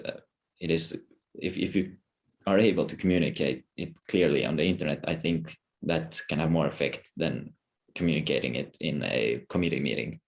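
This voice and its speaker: A male interview host with an extremely low voice and a heavy gravelly fry. He talks haltingly, stopping and restarting as he looks for the right words. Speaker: podcast host. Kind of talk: casual interview talk.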